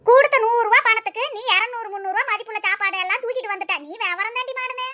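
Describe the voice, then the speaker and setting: Nosy, teasing village women from a comedy cartoon, all done by a woman. They scold and tease in a very high, squeaky voice with a bright, sharp tone. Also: quick pace. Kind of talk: animated comedy dialogue.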